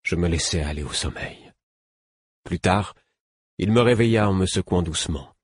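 Narrateur de livre audio, voix d'homme très grave et voilée, enregistrement sec et proche. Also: male voice, low voice, moderate pace, husky, no echo, studio quality. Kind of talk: first-person novel narration.

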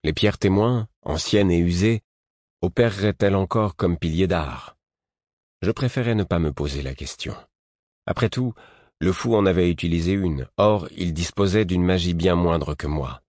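An audiobook narrator with a very deep voice reads a scripted first-person story in a steady, measured way. The recording is dry and close, with no room sound.

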